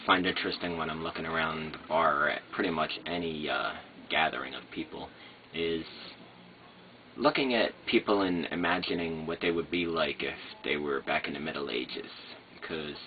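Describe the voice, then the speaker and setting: A man talks in an extremely low voice with slurred speech. He rambles casually and hesitantly, wandering from thought to thought like a vlogger. The sound is narrow and phone-like, with faint noise behind him. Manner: hesitant, meandering, trailing off. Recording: noisy, muffled phone-like sound.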